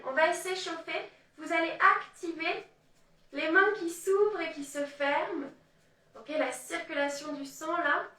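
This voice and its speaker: A woman with a high voice leads a yoga class in an unhurried, calm way. She guides the breathing and counts the moves aloud, and her voice sounds distant in an echoey room. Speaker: yoga teacher. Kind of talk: live yoga class instruction. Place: room, indoors.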